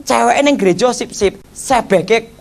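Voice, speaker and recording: A man's voice: very high voice, unhurried, gravelly, exaggerated voice. A man voicing his teasing older brother, speaking playfully. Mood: coaxing. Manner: cajoling, playful.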